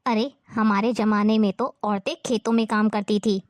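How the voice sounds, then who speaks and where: A woman's voice: medium pitch, steady tone, normal speed, dry recording, close to an everyday voice. A woman playing an older mother-in-law who nags and taunts in a family drama. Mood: scolding. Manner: scolding, taunting. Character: nagging older mother-in-law, harsh and scornful.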